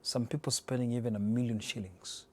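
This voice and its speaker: A man's voice: mid-range voice, fairly even intonation, brisk, a little mellow, a little hiss or hum. A man with a Kenyan accent interviewing someone in a chatty, conversational way, often chiming in with affirmations.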